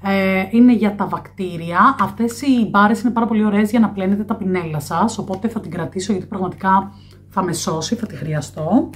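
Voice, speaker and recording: A woman in her thirties, a vlogger chatting to the camera indoors as she shows products one by one, often pausing on a drawn-out "e". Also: medium pitch, a little hiss or hum. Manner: chatty, fills pauses with "e". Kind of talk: product review vlog. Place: small room indoors by a window.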